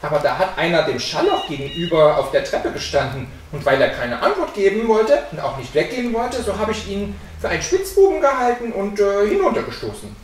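A woman's voice: mid-range voice, sing-song, a little fast, hardly any pauses, slight background noise, voice pushed up, lightly acted. A woman reading as an eager simple-minded boy, echoey and distant. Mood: earnest. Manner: eager, earnest pleading. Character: simple fearless boy, young son. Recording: echoey room from far off.

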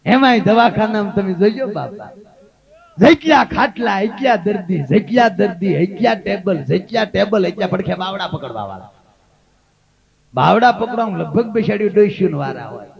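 A Gujarati-accented man tells folk comedy on stage in a very high, gravelly voice that swings lively up and down. The recording is dull and lo-fi, and a large audience is heard behind him. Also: moderate pace, crowd noise. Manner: lively storyteller, jumps into high shrill voices for women. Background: audience laughter.

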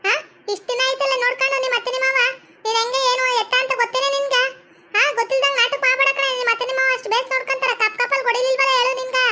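A woman playing a bossy, sharp-tongued middle-aged village aunt in a comedy skit, speaking with a North Karnataka Kannada accent. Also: very high voice, flat delivery, very fast. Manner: scolding, sharp-tongued, theatrical.

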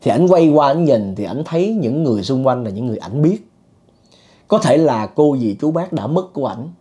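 A man's voice: mid-range voice, warm tone. A man, casually telling a true ghost story in a conversational way, with fillers and chuckles.

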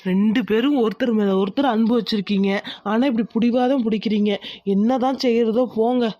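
A man's voice: extremely high pitch, fairly even intonation, brisk, dark tone, lo-fi sound. Man voicing Tamil cartoon characters. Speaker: cartoon voice artist doing several male characters.

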